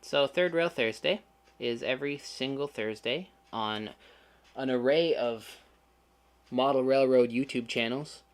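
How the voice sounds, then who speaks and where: Male livestream host, mid-pitched, casual and joking, with dry sarcastic asides. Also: measured pace. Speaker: channel host.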